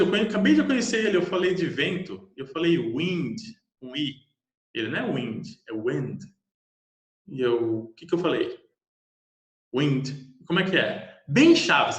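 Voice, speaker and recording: A young Brazilian man tells a personal story with animated, self-mocking energy. His voice sits a little high for a man. The room around him is echoey. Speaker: English teacher.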